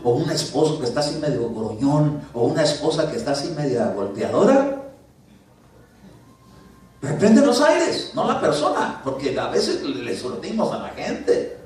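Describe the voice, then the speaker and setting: Echoey preaching man, loud then soft. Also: fairly high pitch. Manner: conversational preaching, swings from loud commands to soft asides. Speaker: pastor. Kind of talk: sermon. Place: church. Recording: very echoey church hall from a distance.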